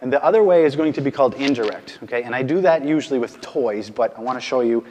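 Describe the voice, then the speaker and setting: A man's voice: medium pitch, fast talker, a little mellow, in a large hall, a little hiss or hum. A male dog trainer giving a casual instructional demonstration, often checking in with "okay?" and "right?", and calling out firm short commands to his dog.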